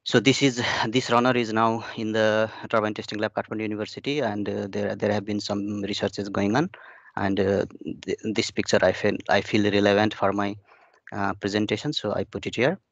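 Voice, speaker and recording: This young man from Nepal, a PhD researcher, talks through his research at a moderate pace in a lowish voice with little pitch movement. His webinar delivery is hesitant and full of fillers and restarts, over muffled, dry, echo-free call audio.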